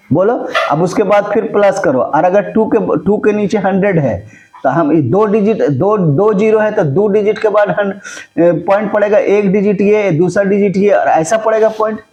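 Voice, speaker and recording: A man's voice: high-pitched, moderate pace, darkish tone, lo-fi sound. A man teaching a maths lesson, often checking that his students follow along. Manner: mixes Hindi with English terms. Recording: echoey room.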